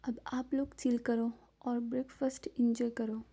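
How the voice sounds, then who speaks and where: A woman voicing a self-assured young female billionaire with a sharp, dismissive way of talking. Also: a little high, flat delivery, unhurried, husky.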